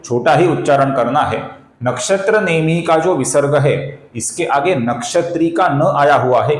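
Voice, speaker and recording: A man teaching the correct pronunciation of a Sanskrit verse in a slow, careful recitation lesson, breaking words down syllable by syllable and chanting the lines, often calling his listeners friends. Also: medium pitch, roomy sound. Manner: addresses viewers as friends.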